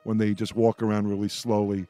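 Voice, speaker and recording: In a radio roundtable he hosts, a man talks in an easygoing, meandering fan-chat manner, repeatedly breaking off to repeat what he said. His voice is on the low side and delivered in a monotone.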